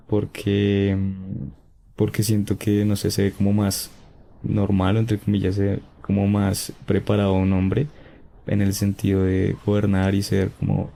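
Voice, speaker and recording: Very dark, flat-voiced young man. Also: fairly low pitch, vocal fry. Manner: hesitant, searching for words. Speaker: podcast guest.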